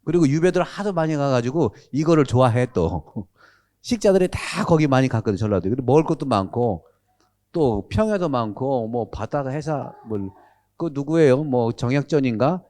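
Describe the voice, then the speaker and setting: Man, priest, catechism lecture, from Jeolla, quizzes the audience, very expressive pitch. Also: normal speed. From Jeolla, Korea. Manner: animated, asks the audience questions.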